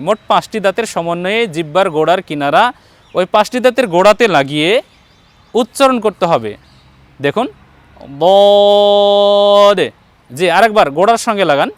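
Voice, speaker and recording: The voice is high and the recording has no room sound. One-on-one, he teaches Quran recitation, modelling the letter sounds one at a time and patiently cheering his student on.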